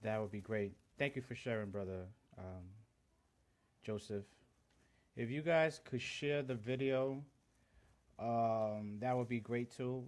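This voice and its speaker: A man from Honduras, a native Garifuna speaker, hosts a casual livestream chat in a medium-pitched, darkish voice, taking his time. He comes across as earnest, greeting viewers by name and slipping in Spanish greetings.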